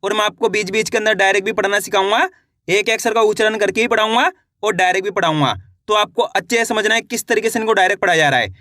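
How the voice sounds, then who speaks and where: A man teaching Hindi reading in an online lesson, spelling out syllables slowly and asking rhetorical questions. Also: high voice, pushed and bright, no echo, studio quality.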